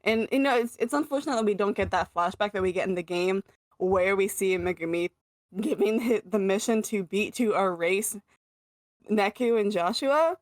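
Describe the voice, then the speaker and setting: A woman's voice: mid-range voice, normal speed, no room sound. A woman co-hosting a podcast in casual chat, chatty with many fillers and frequent laughs. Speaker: podcast co-host.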